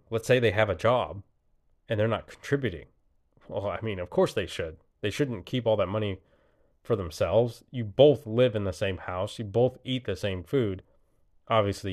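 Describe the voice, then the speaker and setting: A man giving a casual, emphatic monologue, laughing often as he talks. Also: lowish voice.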